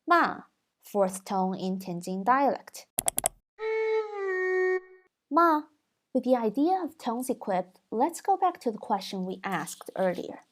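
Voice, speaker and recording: A woman hosts an educational video, reading a scripted explanation at a steady middle pitch. She talks clearly and carefully, sounding out example syllables to show the tones. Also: moderate pace, few pauses. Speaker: language video host.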